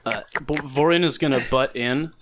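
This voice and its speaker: A woman's voice: rumbling low, normal speed, background noise. A woman playing a tabletop game, speaking playfully and with lots of energy. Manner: playful, very animated delivery. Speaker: player. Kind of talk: casual tabletop game play.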